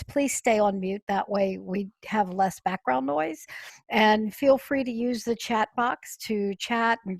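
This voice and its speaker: A woman's voice: mid-range voice, gravelly, no echo. A woman hosting a coaching webinar, introducing the speaker in a friendly way with frequent ums. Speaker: coaching school host. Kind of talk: introducing a speaker on a video call. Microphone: video call.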